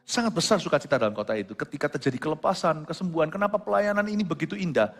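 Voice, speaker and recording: Male pastor mid-sermon, animated delivery from hushed to loud, reverberant hall. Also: on the high side, rapid-fire. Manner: switches between quiet storytelling and loud exclamations; mixes English phrases into his preaching. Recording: long hall reverb with faint music.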